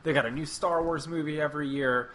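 A man's voice: on the high side, fairly even intonation, brisk, fairly bright tone. A man co-hosting a podcast in casual chat, making points emphatically and with confidence. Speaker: podcast co-host.

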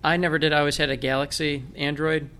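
Speaking quickly in a slightly high, clear and resonant voice with a fairly bright tone and little pitch movement, this man is a blind military veteran. He has a Northern Michigan accent and tells his story as a guest in a relaxed interview, poking fun at himself along the way.

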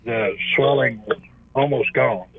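Guy calling in on the phone, mid-pitched, halting, lots of uh's and restarts. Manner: halting, many pauses and restarts. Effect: over the phone. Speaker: caller. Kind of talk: call-in question to a radio doctor. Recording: tinny phone line, dry.

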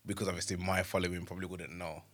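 A man's voice: deep voice, flat delivery, rapid-fire, fairly bright tone. A man with an urban London accent in casual conversation, feeling his way through explanations in street slang. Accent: London, urban street English. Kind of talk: casual chat.

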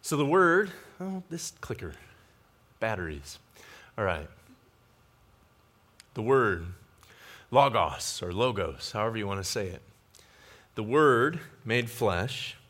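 A man, a pastor, preaching a sermon in a church sanctuary, teaching in an animated way with frequent restarts and asides. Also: mid-range voice.

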